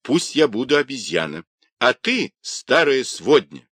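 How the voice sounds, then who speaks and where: A man's voice: lowish voice, sing-song, moderate pace, fairly bright tone, no room sound. A man voicing a cheeky, poor young boy who hustles for coins, talking brashly and defiantly. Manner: pleading, then brash and defiant.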